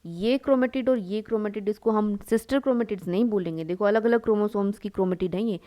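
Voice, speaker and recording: A young female biology teacher with a warm, mellow, medium-pitched voice talks fast while drawing on the board. She runs a question-and-answer drill, answering each question herself. She calls listeners "beta" and mixes English into her classroom lecture.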